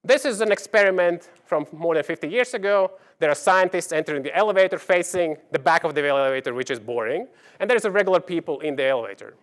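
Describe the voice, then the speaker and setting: A man giving a keynote presentation in front of an audience, halting at times and leaning on key words for emphasis. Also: fairly high pitch, animated. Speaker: keynote speaker, researcher. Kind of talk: conference keynote presentation with slides.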